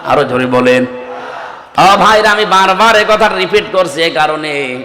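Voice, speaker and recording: A man preaches a fiery sermon, dropping from loud exclamations to low asides. His voice is bright and forceful and sits a little high. It carries the long echo of a hall. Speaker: Islamic preacher. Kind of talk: Bengali waz sermon to a crowd. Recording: echoey hall with long reverb, from a PA.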